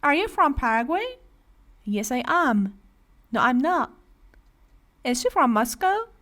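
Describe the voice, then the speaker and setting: A woman from Iran with a Persian accent teaches English to adult beginners in a classroom lesson, patiently explaining grammar and having students repeat after her. Her voice sits high and sounds a bit bright, with big pitch swings and a slow pace.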